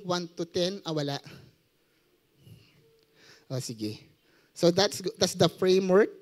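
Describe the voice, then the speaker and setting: Speaking in a high voice, a young adult Filipino-accented man preaches, switching between English and Tagalog. He keeps the congregation engaged with jokes and quizzes.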